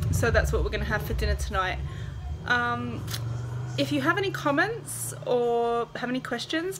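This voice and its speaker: A woman in her thirties talks casually to her phone at arm's length, walking through her week's meals from her home kitchen. Her voice is bright and sits a little high. She keeps a friendly, chatty flow with plenty of ums. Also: slight background noise, low-quality recording. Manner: chatty, friendly, lots of fillers. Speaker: home cooking vlogger. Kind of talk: casual chat to camera. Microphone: phone held at arm's length.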